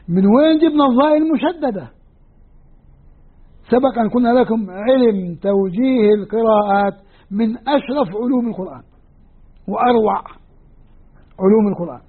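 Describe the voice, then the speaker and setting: High-voiced husky Levantine lecturer. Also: male voice, normal speed, pauses often. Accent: Levantine Arabic. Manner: patient, repeats and counts points aloud with listeners. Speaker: Quran lecturer. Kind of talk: explanatory religious lesson. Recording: tinny lo-fi lecture recording.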